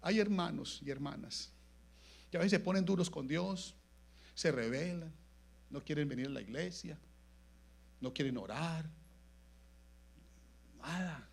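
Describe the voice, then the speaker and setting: A man pastor with a Latin American Spanish accent preaching a sermon in a church, dropping to low murmurs and then rising to loud, emphatic lines. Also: a little slow, creaky, long pauses. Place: church sanctuary.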